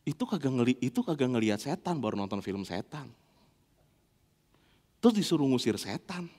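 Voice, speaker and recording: A man preaching a lively, playful sermon, acting out little dialogues as he goes. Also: mid-range voice, moderate pace, in a large hall. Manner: animated, playful, acts out dialogue. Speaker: pastor. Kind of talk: lively sermon with humorous anecdotes. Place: church.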